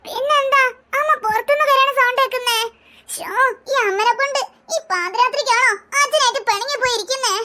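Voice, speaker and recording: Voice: extremely high pitch, fairly quick, pushed and bright. A performer voicing a small cartoon child who chattily coaxes and fondly scolds their mother at night. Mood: puzzled, grumbling. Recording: very echoey, noisy, long reverb.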